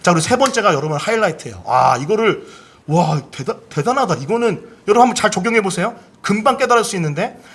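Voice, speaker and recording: A male pastor preaches a sermon at a church service, speaking fast with a breathy edge. He's animated, acting out inner voices with big pitch swings, and has the congregation repeat key phrases after him.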